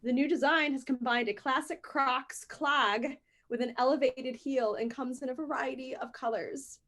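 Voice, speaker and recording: A woman's voice: high-pitched, steady tone, moderate pace, fairly bright tone. A woman co-hosting a casual podcast, reading a news story aloud and ranting playfully. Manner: playful, ranting, laughs often. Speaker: podcast co-host.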